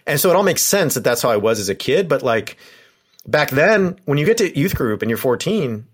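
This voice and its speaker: A man's voice: mid-range voice, sing-song, fairly quick, husky. A man in his forties from Southern California, a professor and former pastor, talking casually and acting out quoted voices as he tells stories. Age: 40s. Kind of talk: casual podcast conversation.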